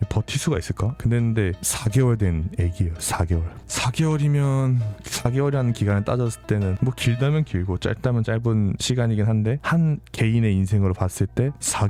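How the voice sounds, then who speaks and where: A man's voice: fairly low pitch, mellow. A young adult man hosting a true crime show, reading news items and commenting on them angrily, swearing often. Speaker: true crime channel host.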